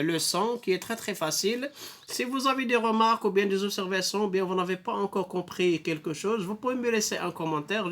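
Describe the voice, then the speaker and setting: A man with a Moroccan accent giving an online reading lesson, explaining slowly and patiently and repeating each sound. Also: high-pitched, fairly bright tone. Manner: slow, patient explanations with many repetitions; drawn-out sounds when spelling. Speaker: teacher.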